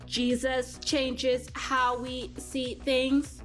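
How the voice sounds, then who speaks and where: A woman hosting a kids' show, chanting a phrase in a slow, flat robot voice. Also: sits high, faint music behind. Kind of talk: addressing kids directly.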